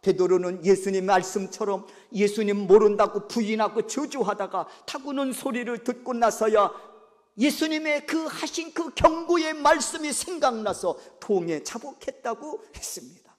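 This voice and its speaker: A male pastor preaching a sermon in an animated style, acting out scripture scenes, in a church sanctuary. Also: high-pitched, moderate pace. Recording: echoey church hall.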